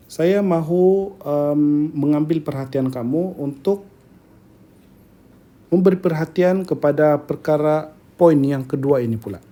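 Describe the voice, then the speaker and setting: A man with a Malaysian accent teaching grammar in a lecture, speaking slowly, repeating key terms and often checking that students follow. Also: on the high side, dark tone.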